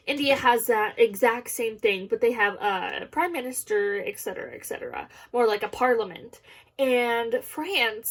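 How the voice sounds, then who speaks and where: Nervous young woman presenting schoolwork. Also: on the high side. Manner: nervous, halting, with restarts and self-corrections. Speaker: student presenting a class discussion. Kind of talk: recorded class presentation.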